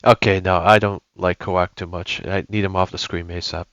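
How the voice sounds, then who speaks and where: A man's voice: low voice, little pitch movement, moderate pace, highs cut off, heavy background noise. A young man giving casual, rambling gameplay commentary, often correcting himself as he goes. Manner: rambling, self-correcting, enthusiastic. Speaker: gaming YouTuber.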